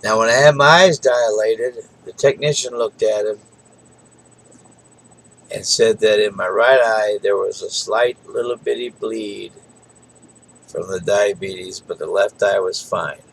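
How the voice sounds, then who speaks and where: A man's voice: fairly low pitch, steady tone, unhurried, creaky, poor audio. A tired middle-aged man talking casually in a rambling, folksy way late at night. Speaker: vlogger.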